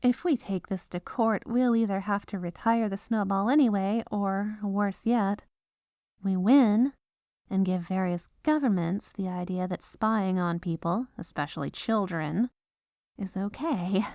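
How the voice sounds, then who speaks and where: A woman voices the North Pole's head lawyer for Santa, a dutiful, exasperated character in a scripted comedy audio roleplay, businesslike as she explains. Her delivery is medium-pitched, warm, and unhurried, only lightly acted, captured as clean studio sound without echo.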